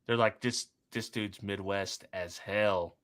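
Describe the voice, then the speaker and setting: A man's voice: on the low side, fairly even intonation, slow pace, fairly bright tone. A man with a Southern US accent co-hosting a casual movie chat, easygoing and agreeable. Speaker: podcast co-host.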